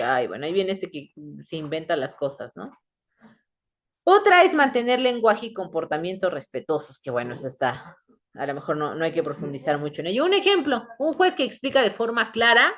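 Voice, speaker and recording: A woman's voice: on the low side, fairly bright tone. A woman teaching a class in a conversational way, often checking in with her listeners. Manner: conversational, frequent tag questions, acts out quoted voices. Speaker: instructor. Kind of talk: online class lecture.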